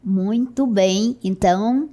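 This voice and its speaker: A woman's voice: medium pitch, dark tone. A woman teacher with a Brazilian Portuguese accent, giving a recorded lesson in a patient, explanatory way and checking in with her students often. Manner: slow, explanatory, checks in with "certo?".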